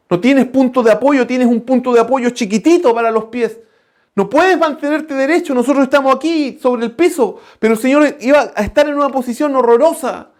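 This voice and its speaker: A male preacher, delivering an impassioned sermon that swings from loud cries to hushed lines and calls the listeners brothers. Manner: impassioned, shifting between loud outbursts and low hushed lines; addresses the congregation as brothers.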